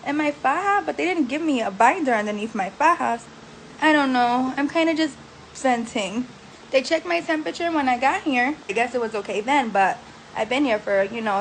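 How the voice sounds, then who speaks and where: A young woman's high-pitched, fairly bright voice comes through a low-quality recording with slight background noise. After surgery, she vents to the camera from a recovery house bedroom, blunt and profane, aggravated and exasperated about her care.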